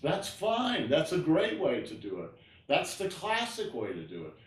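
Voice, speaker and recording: A man teaching an online tai chi class, explaining gently and often checking in with "all right?". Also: fairly high pitch, wildly swooping pitch, moderate pace. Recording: roomy echo.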